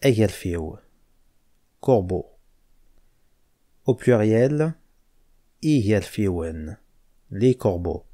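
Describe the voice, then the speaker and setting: A man with a low, dark voice gives a language lesson at a very slow, careful pace. He spells out each word and pairs it with its meaning, one at a time. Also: animated. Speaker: language teacher.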